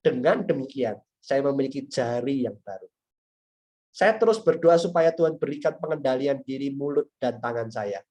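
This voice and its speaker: A man's voice: medium pitch, animated, normal speed, darkish tone. A young man giving a sermon to students, telling a personal story and addressing his listeners directly. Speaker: evangelist preaching to students.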